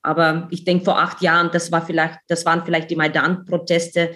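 A middle-aged woman from Ukraine, a guest in an interview, speaking in a thoughtful, measured and earnest way. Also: lowish voice, level tone, a bit bright. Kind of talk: conversational interview.

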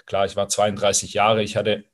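Male guest, forties, low register, hesitant reflective delivery with many fillers. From Swabia, Germany, Italian roots. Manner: thoughtful, hesitant, frequent fillers. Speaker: former professional footballer, guest. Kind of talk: reflective interview answers.

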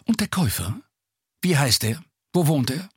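Man doing cold sinister gentleman, icy, clipped orders, husky breathy tone, dry studio sound. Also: medium pitch, wildly swooping pitch, unhurried, dry recording, pitched above the performer's own voice, heavily acted. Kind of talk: audiobook reading.

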